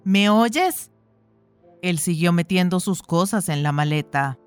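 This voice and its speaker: Audiobook narrator, woman, low voice, steady read, soft music under it. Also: moderate pace, smooth, no room sound. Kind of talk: scripted narration of a short story.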